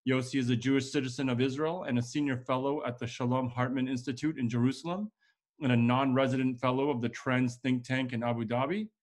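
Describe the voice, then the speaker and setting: A man in his thirties hosts a webinar over a video call from a room at home with plants, introducing the panel guests in a scripted, upbeat way. His medium-pitched voice is steady and slightly dark, and he talks quickly.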